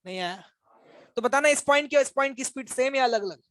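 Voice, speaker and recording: A male physics teacher giving a classroom lecture, constantly quizzing his students with quick questions and teasing them to check they follow. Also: extremely high pitch, fairly bright tone, no room sound. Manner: coaxing, teasing.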